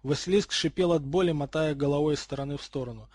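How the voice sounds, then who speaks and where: A man reads a storybook aloud in a steady, expressive way. His voice is fairly high and husky. The recording is dry and close, with no room sound. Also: fast talker, dry recording. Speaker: audiobook reader. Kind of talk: storybook narration.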